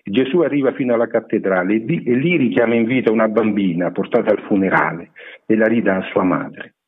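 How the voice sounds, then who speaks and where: A man with a husky, somewhat low voice gives a measured radio lecture on literature. The sound is squeezed into a narrow, phone-like band, like an old radio broadcast.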